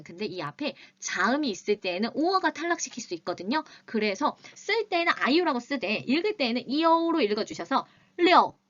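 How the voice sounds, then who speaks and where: A Korean-speaking woman teaching Chinese in an online lesson, patiently drilling pronunciation and slowly repeating syllables. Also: fairly high pitch, a bit bright. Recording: slightly dull lo-fi sound.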